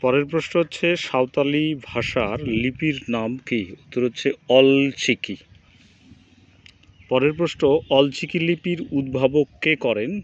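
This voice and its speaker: A male teacher running through exam questions, reading each question and then giving its answer in a steady drilling rhythm. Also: medium pitch, measured pace. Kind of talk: exam quiz review lesson. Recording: dull lo-fi recording, faint background noise.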